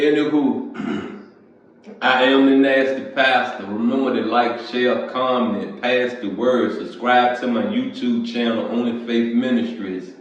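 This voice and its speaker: A male pastor who also hosts a podcast gives a casual, conversational preaching monologue at a slow pace, often saying "you feel me" and clearing his throat. His voice is medium-pitched, and the lo-fi recording sounds dull, distant, and very echoey.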